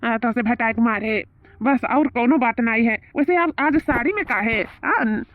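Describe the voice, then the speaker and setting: A woman's voice: fairly high pitch, unhurried, no room sound, lightly acted. A woman playing a smug flirtatious village man. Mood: flirting. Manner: wheedling, boastful. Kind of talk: comedy sketch acting. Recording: tinny phone-like sound.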